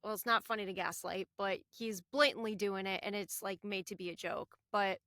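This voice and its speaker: A woman's voice: mid-range voice, fairly even intonation, normal speed, fairly bright tone, no room sound, studio quality. A woman co-hosting a casual podcast, chatting with plenty of fillers as she talks. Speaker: podcast co-host.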